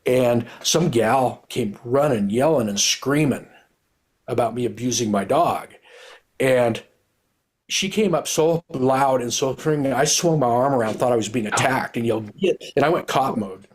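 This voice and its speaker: A man's voice: mid-range voice, normal speed, slightly rough. A middle-aged man, a retired police officer, telling his story in a candid, rambling, earnest way, often restarting his sentences.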